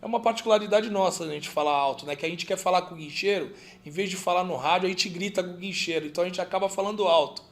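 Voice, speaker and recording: Relaxed Brazilian man, conversational. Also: sits high, fast talker, hardly any pauses. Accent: Brazilian Portuguese. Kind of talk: casual podcast interview.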